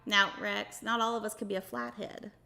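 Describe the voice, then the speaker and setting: A woman's voice: medium pitch, flat delivery, normal speed, creaky, pushed and bright. A woman hosting a children's show, teaching in a sing-song, encouraging way as she talks to kids and a puppet. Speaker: kids' show host.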